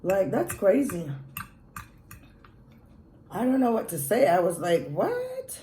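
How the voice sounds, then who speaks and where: Her mid-range voice is dark and swoops wildly in pitch as she chats slowly over food for her mukbang vlog, pausing to eat. Raised in Montreal after a Jamaican birth, she carries a mixed Jamaican and Quebec French accent, and the echoey room adds a little hiss or hum.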